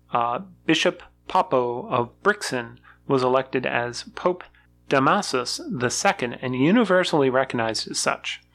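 Podcast co-host, mid-pitched, reads notes steadily with the odd "uh". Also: a bit bright. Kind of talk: casual history podcast, reading notes aloud.

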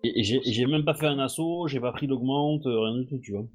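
A man's voice: mid-range voice, a little fast. A man playing in a tabletop game, chatty and hesitant, with many filler sounds. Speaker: player. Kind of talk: casual tabletop game chat.

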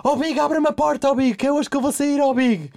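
Brief: frantic reality-show guy begging to get out, shouted high and hard, a man's impression. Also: fairly even intonation, brisk, vocal fry, no room sound, studio quality. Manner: shouting, much higher than his own voice. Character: frantic male reality-show contestant yelling to leave.

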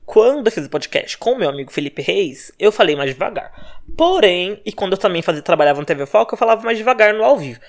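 A young Brazilian man with a Brazilian Portuguese accent vents on his solo podcast from home. He rattles through his thoughts quickly, his pitch leaping up and down as he curses. His home microphone clips now and then. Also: creaky. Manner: fast-talking, animated and profane. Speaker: podcast host. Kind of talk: casual solo podcast rant.

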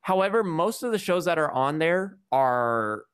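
A man's voice: a little high, expressive, measured pace, a bit bright, clear, resonant tone. A young man hosting a casual stream from his room at home, talking in a rambling way with lots of fillers and restarts. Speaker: stream host. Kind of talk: casual chat.

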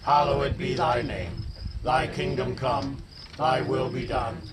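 A congregation reciting a creed and prayer together in a steady unison chant. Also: mid-range voice, slow, very noisy.

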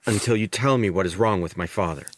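Low-voiced man reading a translation. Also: fast, slight background noise. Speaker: interpreter voice-over. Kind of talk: translated voice-over.

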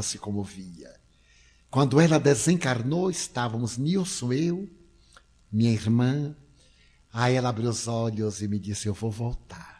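A man's voice: mid-range voice, darkish tone, husky. An older man with a Brazilian accent giving an emotional storytelling lecture on stage. He speaks dramatically and acts out the people he quotes. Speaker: spiritist lecturer. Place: stage before an audience.

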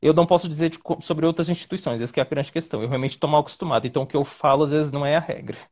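On a video call, a guest who is a Brazilian lawyer chats in a casual, lively, rambling way full of quick asides. His voice is a little high.

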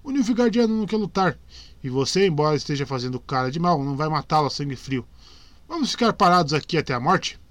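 A man voicing a blunt, sharp-tongued young female archer who mocks her companions, in a dry close recording. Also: on the high side, lively intonation, fast talker, dry recording, lightly acted. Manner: blunt, mocking.

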